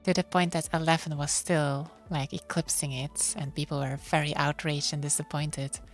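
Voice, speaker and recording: Low-voiced woman chatting casually, playful. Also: level tone, normal speed. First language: non-English. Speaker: streamer co-hosting a podcast. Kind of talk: casual chat about online games. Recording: music behind the voice. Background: music.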